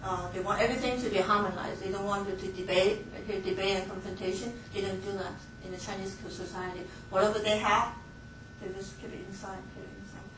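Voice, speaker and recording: A woman's voice: mid-range voice, steady tone, fast talker. Distant echoey woman lecturing a class. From Hong Kong. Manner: chatty, laughs often, many fillers and restarts. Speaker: missions training instructor. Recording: echoey room from far off, faint noise.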